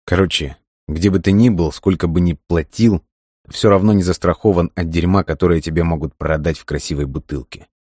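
A man voicing a hot-tempered young gangster who swears and yells at his friend. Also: sits low, steady tone, fairly quick, dry recording, studio quality. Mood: grumbling.

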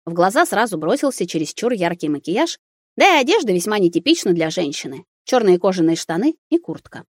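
A woman narrating a story aloud in an expressive, animated reading. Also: lowish voice, fairly quick, no echo, studio quality. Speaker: audiobook reader.

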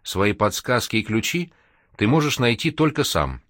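A man's voice: mid-range voice, sing-song, moderate pace, fairly bright tone, dry recording, clean studio sound. Man voicing a stern earnest mentor. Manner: serious, sincere, stern. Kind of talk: audiobook character reading.

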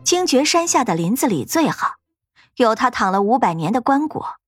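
A woman narrating a fantasy ghost story in an expressive, dramatic storytelling manner. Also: fairly high pitch, moderate pace, slightly rough, no room sound, soft background music.

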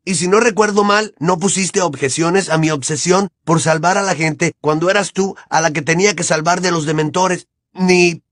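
A man voicing a stubborn, desperate teenage boy wizard who shouts in heated defiance. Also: on the high side, quick pace, hardly any pauses, dry recording, studio quality, voice pushed up, natural voice. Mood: angry, insistent.

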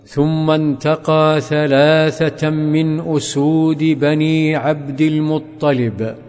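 A man narrating a story dramatically, in a slow, sing-song, chanting delivery. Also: fairly high pitch, level tone, darkish tone, smooth. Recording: long reverb with faint background music.

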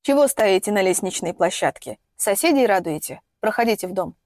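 A woman's voice: mid-range voice, expressive, a little fast, darkish tone, dry recording, clean studio sound, natural voice. A woman voicing a stern, curt middle-aged father in an audiobook reading. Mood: scolding. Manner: curt, scolding.

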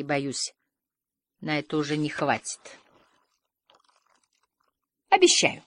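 A woman reading playful children's stories aloud, telling them expressively with slow, drawn-out pauses. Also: fairly low pitch, fairly bright tone, no echo. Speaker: audiobook reader.

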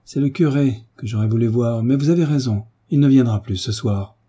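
A frail old marquis, weak and breathless, as a man voices him, in a dark, very husky voice. His speech is gentle and failing. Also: medium pitch, fairly quick, close to an everyday voice. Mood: weary.

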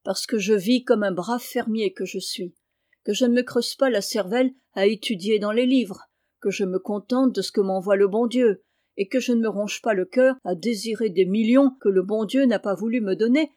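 Stern peasant father, commanding, voiced by a woman reader, mid pitch. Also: moderate pace, dark tone, dry recording, clean studio sound, lightly acted.

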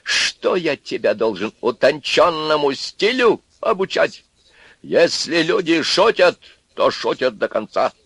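A man's voice: fairly high pitch, big pitch swings, measured pace, fairly bright tone, husky, no echo, pitched above the performer's own voice, heavily acted. A man voicing a flustered, blustering middle-aged husband in an audiobook reading. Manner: blustering, defensive.

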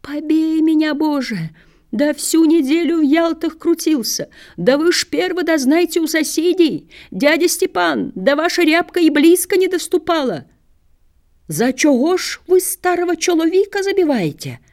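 A woman voicing a frantic peasant woman who pleads in high-pitched dialect speech. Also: expressive, moderate pace, darkish tone. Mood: pleading.

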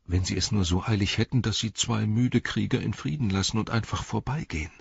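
A man's voice: low voice, a little slow, breathy edge, dry recording, lo-fi sound, exaggerated voice. A man voicing a weary, loyal male hobbit in an audiobook, speaking with resigned determination. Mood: grim resolve.

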